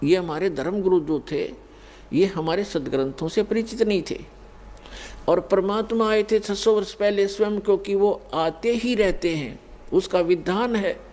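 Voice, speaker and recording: Male preacher, warm dark tone, raised pitch, sermon delivery. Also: a little slow. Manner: addresses listeners as "punyatmaon", explains with everyday examples. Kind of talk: Hindi spiritual sermon.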